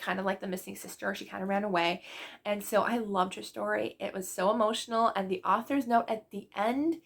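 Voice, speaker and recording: Chatty woman with a gravelly edge. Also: medium pitch, a bit bright. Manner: chatty and gushing, with frequent fillers like "like" and "literally". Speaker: book vlogger. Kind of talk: casual book review chat.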